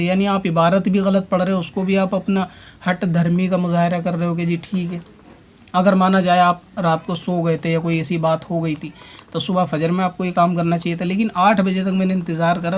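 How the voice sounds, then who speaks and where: A man speaking a long rebuttal monologue as a religious online commentator, addressing his opponent directly and repeating his points as he argues. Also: high voice. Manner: explains at length with repeated points.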